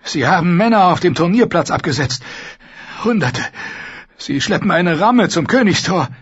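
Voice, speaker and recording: A man's voice: sits high, expressive, normal speed, slightly rough, no room sound, pitched above the performer's own voice. A man voicing a panicked, out-of-breath male messenger in an audiobook. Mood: urgent. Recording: slightly dull lo-fi recording.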